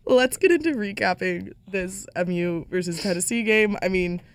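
A woman's voice: mid-range voice, normal speed, clear, resonant tone. A young woman hosting a casual sports podcast, chatty and full of "like". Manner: chatty, many fillers like "like". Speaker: podcast host.

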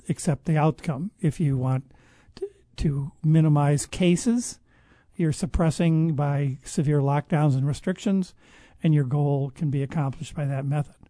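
A man speaking as a guest expert in a conversational interview, explaining at length in a measured way and often restarting his sentences. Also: on the high side, dark tone, dry recording. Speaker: guest expert on public health.

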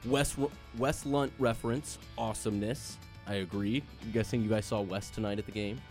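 A man's voice: lowish voice, fairly even intonation, moderate pace, a little mellow, faint music behind. A man hosting a sports radio postgame show, moving through texts and sponsor reads.

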